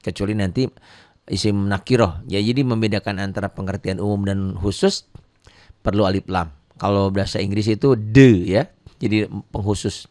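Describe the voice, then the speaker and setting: Low-pitched male recitation teacher, patient step-by-step lesson, dry close sound. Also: normal speed, darkish tone, no echo. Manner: patient, repeats and explains step by step. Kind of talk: tajwid lesson with recited examples.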